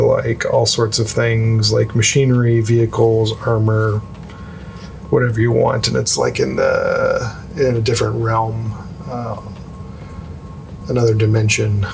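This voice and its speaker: A man with a very creaky, gravelly voice talks in a hushed, quiet late-night way. He hosts a casual sketchbook tour vlog, with music playing behind him. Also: on the low side, slight background noise, rough recording. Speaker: art channel host.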